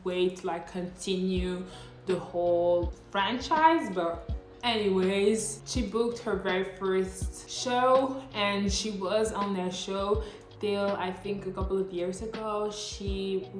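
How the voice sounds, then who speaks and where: Speaking slowly in a medium-pitched voice, a woman in her late teens whose first language isn't English chats upbeat in a casual, scripted vlog full of slangy asides. The sound comes from an echoey room with some faint music.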